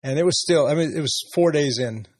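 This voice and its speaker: A man's voice: a little high, fairly quick, breathy edge. A middle-aged man, an interview guest, talking about his family in an earnest, reflective way with some hesitation. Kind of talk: personal story in conversation.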